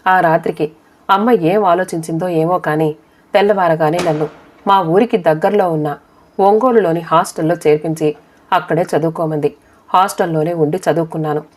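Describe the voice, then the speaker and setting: A woman narrating a story in the first person in a calm, steady audiobook reading. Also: fairly low pitch, normal speed.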